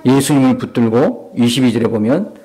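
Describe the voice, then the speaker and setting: A man's voice: medium pitch, fairly quick, mellow. A male pastor preaching a sermon, often putting rhetorical questions to his congregation.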